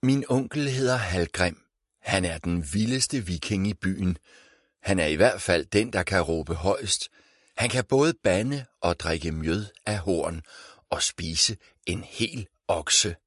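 A man narrating a children's audiobook in a measured, even storytelling manner, recorded on a close studio mic. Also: low-pitched, slightly rough, no echo.

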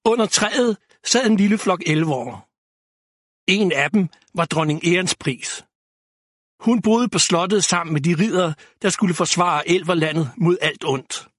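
A man narrating a children's fantasy story in a steady, clear reading. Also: high-pitched, no room sound, studio quality.

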